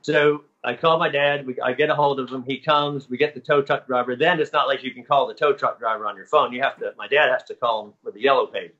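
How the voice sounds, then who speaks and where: A man talking as an interview guest, winding through his story with restarts and corrections. His tone is bright and forceful. The recording sounds muffled and lo-fi. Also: mid-range voice, steady tone, fast, few pauses. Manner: rambling, self-correcting narration. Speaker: guest recounting experiences. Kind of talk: casual storytelling. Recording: dull lo-fi audio.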